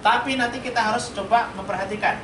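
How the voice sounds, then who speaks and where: A man's voice: extremely high pitch, steady tone, fast. A man teaching Arabic in a mosque, quizzing his students in a call-and-response lesson. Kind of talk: classroom lesson. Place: mosque study room. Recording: roomy hall, noisy room recording.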